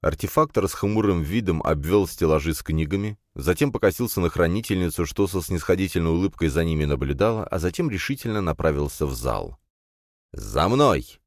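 A man narrating an audiobook in an expressive storytelling manner, close to the mic. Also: sits low, brisk, hardly any pauses, dry recording.

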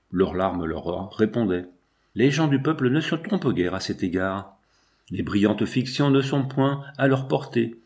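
A man reading a classic novel aloud in a measured, expressive way. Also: on the low side. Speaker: narrator.

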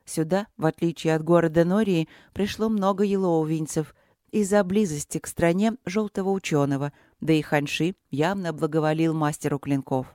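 A woman giving steady, scripted narration of an audiobook. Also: low voice, normal speed, no echo, clean studio sound.

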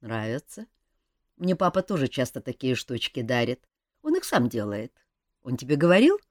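A woman playing a composed male leader, calm and dryly ironic, low in pitch. The lines move with lively, varied intonation in a dry, close recording. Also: moderate pace, dry recording, full character voice.

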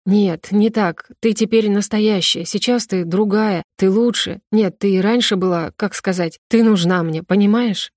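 A woman reading the part of an agitated young man who pleads with and lectures his girlfriend in a slow, insistent way, in an audiobook. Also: medium pitch, a little mellow, dry recording, clean studio sound, lightly acted. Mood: pleading.

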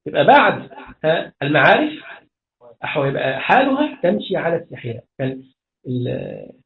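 Egyptian male sheikh, fairly high voice, lecturing a class, quizzes students and answers himself; echoey, phone-thin recording. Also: big pitch swings, brisk. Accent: Egyptian Arabic. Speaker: sheikh teaching Arabic grammar. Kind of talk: classroom lesson with recited verses. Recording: echoey room over a phone-like line.

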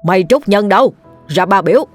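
A woman's voice: low-pitched, fairly quick, faint music behind. A woman voicing a jumpy, guilt-ridden middle-aged father who stammers when caught. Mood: angry. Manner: stammering, flustered.

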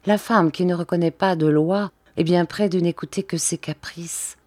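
A woman voicing a refined, gentle countess in an audiobook, speaking softly and reflectively. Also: on the low side, steady tone, no room sound, lightly acted. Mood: pensive. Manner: soft, measured, reflective.

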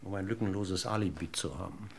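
In a radio crime drama, a male actor plays a veteran police inspector, his low, gravelly voice deliberate and insinuating with an ironic politeness. The mood is needling, and a faint hiss or hum sits under the recording.

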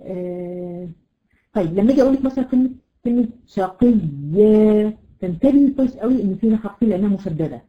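A woman with an Egyptian accent teaching a tajweed lesson, slowly drawing out example words with many fillers. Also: medium pitch, expressive, lo-fi sound. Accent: Egyptian Arabic. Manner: patient, drawn-out example words, frequent fillers. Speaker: Quran recitation teacher.

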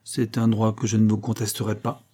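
Man playing a pompous, slow coroner. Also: lowish voice, completely flat delivery, warm tone, lightly acted. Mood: solemn. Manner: slow, solemn and formal. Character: grave, measured middle-aged male coroner.

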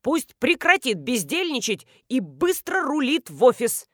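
A woman reading the shouted orders of a gruff male police colonel in an audiobook. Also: fairly high pitch, slow, dry recording, clean studio sound. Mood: bossy.

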